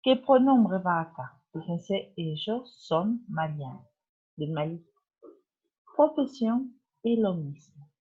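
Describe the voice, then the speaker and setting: Slow, husky woman teaching French. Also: on the low side, animated. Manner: patient, explaining step by step. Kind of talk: recorded online lesson. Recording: tinny phone-like audio.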